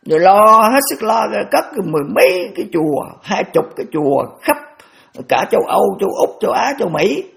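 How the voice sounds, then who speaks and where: A man's voice: sits high, sing-song, fairly quick, gravelly, fairly bright tone. A man in his eighties, a Buddhist monk giving a dharma talk, repeating phrases and restarting often with homely examples. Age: 80s.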